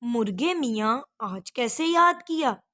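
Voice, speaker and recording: A woman's voice: a little high, lively intonation, takes it slowly, sharp tone, full character voice. A woman voicing a friendly male horse in a children's story who greets a visiting rooster. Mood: welcoming. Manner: welcoming.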